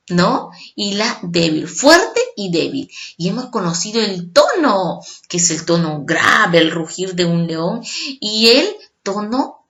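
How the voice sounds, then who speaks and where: A woman teacher giving a lesson to children, expressive and checking often with her class. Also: mid-range voice. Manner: expressive, keeps asking the class to confirm.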